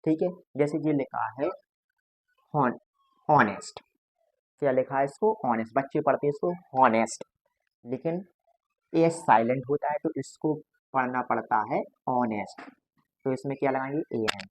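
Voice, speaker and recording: A man's voice: mid-range voice, moderate pace, dry recording, rough recording. A man teaching a grammar class to students, patiently going over each point again and again. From India.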